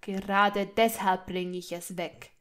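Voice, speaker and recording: A woman reading a fan audiobook puts on an arrogant young man who mocks in a calm, unhurried drawl. His voice stays level and amused. Every sneering line comes out slow and relaxed. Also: mid-range voice. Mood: mocking.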